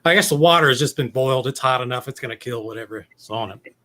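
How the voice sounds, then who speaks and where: A man's voice: mid-range voice, fast, bright, forceful tone. A man co-hosting a live stream, adding musing, hesitant asides in casual chat. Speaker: co-host.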